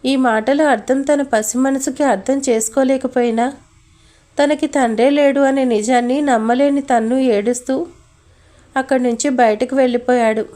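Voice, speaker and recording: A woman narrating an emotional audio story with an expressive, dramatic reading. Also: sits high, normal speed.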